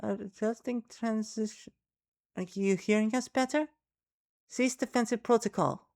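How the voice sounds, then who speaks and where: A woman's voice: a little high, a little slow, a little mellow, pitched above the performer's own voice. Elegant alien over the radio, as a woman puts it on, clipped formal commands, slightly raised voice.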